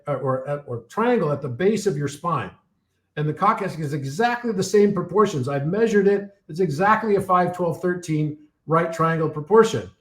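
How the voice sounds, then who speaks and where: A man giving a live talk and taking audience questions, telling stories full of fillers and restarts while his voice is getting a little hoarse. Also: sits high, reverberant. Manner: rambling storytelling with many fillers and restarts.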